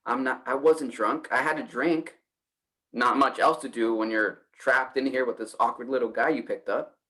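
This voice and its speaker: A man's voice: mid-range voice, fairly even intonation, moderate pace, bright, forceful tone, lightly acted. An actor playing a worried, exasperated male friend who presses with blunt questions in a stage play. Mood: pressing, worried.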